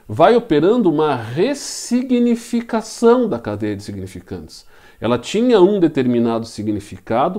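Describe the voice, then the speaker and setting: A man's voice: on the high side, darkish tone. A man with a Brazilian Portuguese accent giving a recorded lecture, teaching step by step with rhetorical questions and repeated key terms. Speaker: law lecturer.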